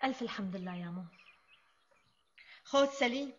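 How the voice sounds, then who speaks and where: A woman's voice: on the high side, a little fast, highs cut off, close to an everyday voice. An actress in a Syrian TV drama playing a busy young mother who fusses over feeding her children, with a Damascene accent. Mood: brisk.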